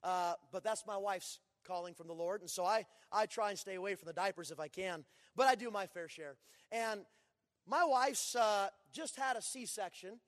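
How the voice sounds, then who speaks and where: High-pitched preacher guy in his 40s, folksy stories, loud then hushed, big church echo. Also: normal speed. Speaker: pastor. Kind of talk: sermon. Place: church sanctuary. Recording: long church reverb.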